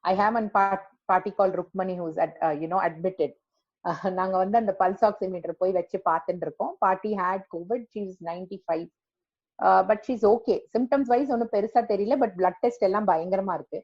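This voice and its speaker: Fast-talking Tamil-accented South Indian woman doctor. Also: medium pitch, darkish tone. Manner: instructive, reassuring, switches between English and Tamil. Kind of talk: informal health advice talk. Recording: dull, lo-fi audio.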